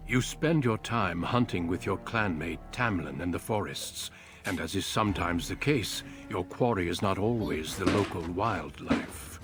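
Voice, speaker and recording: A man giving the scripted story narration of a fantasy video game, in a measured, solemn tone. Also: low voice, over loud music.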